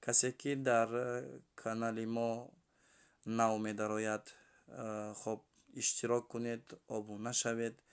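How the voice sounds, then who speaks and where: A man teaching Quran reading, slowly reciting drilled syllables twice each, then explaining rules quickly and quietly. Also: medium pitch, level tone, smooth. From Tajikistan.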